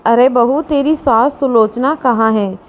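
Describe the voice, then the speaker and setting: A woman's voice: on the high side, measured pace, close to an everyday voice. A woman voicing a nosy neighbor auntie who scolds and reproaches the young bride. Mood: scolding.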